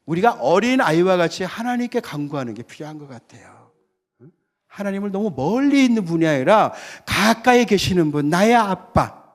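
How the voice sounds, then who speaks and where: A man's voice: high-pitched, big pitch swings, normal speed. A man who is a missionary pastor, preaching a sermon in a conversational way and often checking that his listeners agree. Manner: conversational, keeps asking the congregation to agree; tells stories and acts out the characters.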